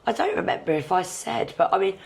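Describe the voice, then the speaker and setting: A woman hosting a podcast in casual chat, her voice husky and croaky from flu, self-mocking and quick to laugh. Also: medium pitch, very animated. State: hoarse from flu. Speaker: podcast host.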